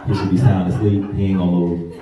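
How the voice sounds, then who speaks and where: A young man from Ohio doing profane stand-up comedy, chatting with the crowd and slipping into squeaky quote voices. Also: little pitch movement, quick pace. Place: comedy club stage. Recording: roomy club sound from a distant mic. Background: audience laughter.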